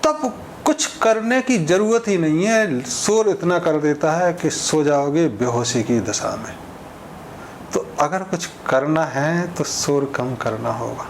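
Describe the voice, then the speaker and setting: Speaking slowly with lively intonation, a high-voiced man offers informal social commentary. He keeps it conversational, illustrating his ideas with examples and made-up exchanges, and the recording carries some noise.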